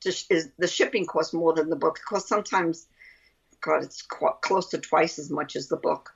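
A woman's voice: low voice, moderate pace, creaky, slightly rough. A woman with a Brooklyn accent chatting casually as an interview guest, rambling and often repeating her phrases. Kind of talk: casual chat. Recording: dull lo-fi line.

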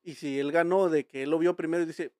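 A man's voice: fairly high pitch, steady tone, quick pace, darkish tone. A Mexican man hosting a casual podcast chat, telling rambling, slang-filled stories with many restarts. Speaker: podcast host.

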